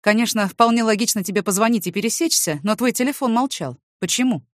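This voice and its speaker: A woman's voice: on the high side, fast, no room sound, studio quality, close to an everyday voice. A woman voicing a blunt, teasing young male boxer who fires off mocking retorts.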